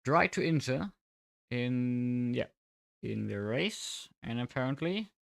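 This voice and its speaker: A man speaking with braces that make his S sounds slightly off, chatting casually and commentating on a livestream in a low-key, dryly sarcastic way. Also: lively intonation, takes it slowly, gravelly, no room sound, clean studio sound. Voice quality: slightly slurred, odd S sounds from new braces. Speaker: livestreamer and sim racing commentator.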